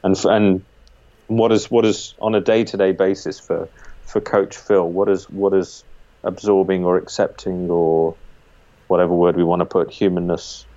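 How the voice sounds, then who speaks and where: A man's voice: low-pitched, level tone, moderate pace, warm tone. A British man interviewing in a casual, conversational way, circling tentatively as he forms his thoughts and questions. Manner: tentative, circling repetitions while forming questions. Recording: dull, band-limited sound.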